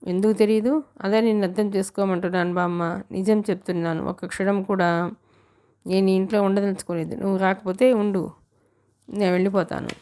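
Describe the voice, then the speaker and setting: A woman's voice: mid-range voice, steady tone, brisk, mellow, smooth, natural voice. A woman voicing a proud, upset young woman who insists on leaving, in an audiobook novel. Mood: insistent.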